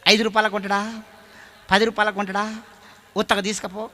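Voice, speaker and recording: A male preacher speaking with a Telangana Telugu accent delivers a folksy sermon full of animated, blunt storytelling. His voice is strikingly high and piercingly bright. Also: a little fast.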